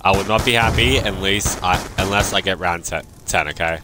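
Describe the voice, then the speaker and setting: A man's voice: low-pitched, moderate pace, music in the background. A young man, chatting and rambling freely through casual gameplay commentary, swearing now and then. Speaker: gaming youtuber.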